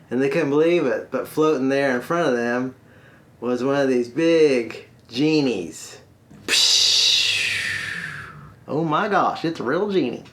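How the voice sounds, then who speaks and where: A man hosting a comedy show, telling a joke story in a folksy, drawn-out manner. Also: medium pitch.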